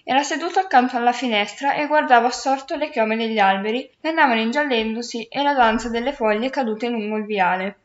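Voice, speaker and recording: A woman reads a storybook aloud in a steady, measured way. Her voice sits slightly high. The sound is roomy and dull, with clear echo and a lo-fi tone. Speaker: audiobook narrator. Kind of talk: storybook narration.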